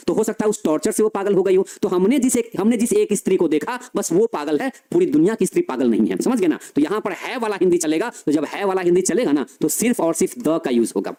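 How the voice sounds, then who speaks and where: Male teacher, high voice, repeats points, quizzes the class, lecture delivery. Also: darkish tone. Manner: repetitive, questioning, addresses students as children.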